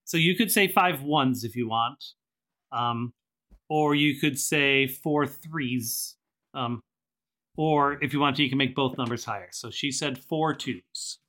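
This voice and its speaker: Bright-voiced man running a tabletop game. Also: medium pitch, measured pace. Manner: patient, laughs often. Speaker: game master. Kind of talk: explaining rules in a tabletop game.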